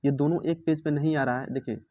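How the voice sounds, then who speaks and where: A man teaches a vocabulary lesson, reading English lines from a book slowly and explaining them, often repeating words and asking himself questions. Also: a little high, steady tone, no echo. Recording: dull lo-fi dry recording.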